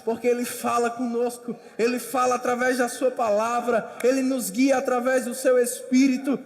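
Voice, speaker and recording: A man's voice: extremely high pitch, level tone, normal speed, in a large hall. A man preaching a sermon as pastor, with emphatic, repetitive exhortation. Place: church.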